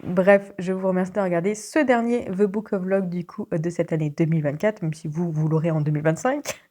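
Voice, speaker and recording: A woman's voice: on the low side, fairly quick, dark tone. A young woman from Belgium chatting casually in a book vlog, full of hesitations and little giggles. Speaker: book vlogger.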